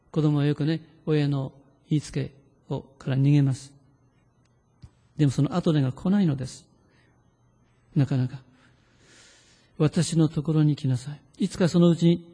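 A man preaching a sermon as pastor, earnest and pleading, sometimes leading a slow prayer read aloud. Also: on the high side, gravelly, mellow, breathy edge, big-room sound.

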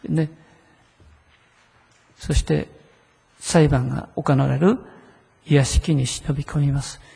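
A man's voice: fairly high pitch, steady tone, slow, vocal fry, dark tone, breathy edge, long reverb tail. A man preaching a sermon in a conversational way, often asking the listeners rhetorical questions. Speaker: pastor.

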